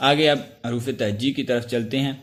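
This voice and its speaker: Man teaching Quran recitation in Urdu. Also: mid-range voice. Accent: Pakistani Urdu. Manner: slow drawn-out chanted letters between spoken explanations; clears throat now and then. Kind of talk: step-by-step recitation lesson.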